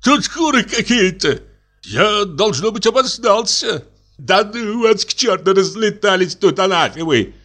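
A man reading an audiobook, voicing a fussy tipsy middle-aged man who pleads and whines in a high voice. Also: animated, slow, sharp tone, heavily acted. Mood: whining. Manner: pleading, whining, high and coaxing.

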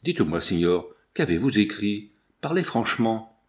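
A man reading the lines of a secretive, anxious woman, the wife of a bandit chief, in a low hushed voice. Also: big pitch swings, moderate pace.

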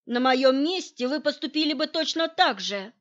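A woman's voice: high voice, expressive, normal speed, a bit bright, highs cut off, pitched above the performer's own voice. A woman reading the lines of a stubborn man who refuses to share what he knows, indignant and defensive. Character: stubborn middle-aged man guarding his secret.

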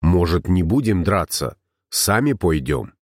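A man doing a calm young scholar. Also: low-pitched, a little slow, dry recording, clean studio sound. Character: patient young male scholar, calm reasoner.

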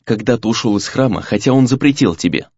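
A man's voice: medium pitch, expressive, fast talker, darkish tone, slightly rough, dry recording, lo-fi sound. A man voicing Nara, a wary young apprentice girl. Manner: anxious and hesitant. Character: wary, serious young female temple apprentice.

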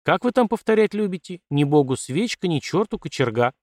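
A man's voice: on the high side, big pitch swings, brisk, a little mellow, no room sound, voice pushed up. Brief: man voicing a bold colonel's daughter, raised voice, defiant and mocking, dry audiobook read. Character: young woman, bold and quick-tongued colonel's daughter. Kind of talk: audiobook character voice.

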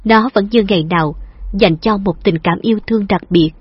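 A woman narrates a novel in a calm, even storytelling voice at a mid pitch. The recording is dull and lo-fi, close and dry. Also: brisk, husky, no room sound. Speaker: audiobook narrator.

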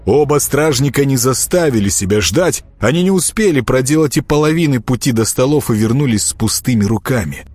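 A man narrating an audiobook in an expressive, animated reading. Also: medium pitch, a little fast, hardly any pauses. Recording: narration with faint music behind.

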